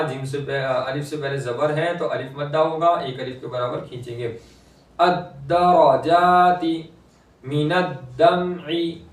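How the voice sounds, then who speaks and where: A man teaching Quran reading, slowly reciting each word twice and then quickly explaining the pronunciation rules. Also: a little high. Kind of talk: slow recitation lesson. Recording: echoey room, voice from far off.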